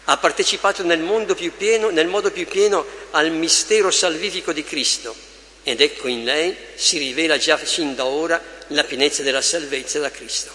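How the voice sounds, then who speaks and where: A man leading adoration as a priest, reading scripture and meditations slowly and with measured care in a large church. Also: a little high, pushed and bright. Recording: echoey church with long reverb, faint ambience.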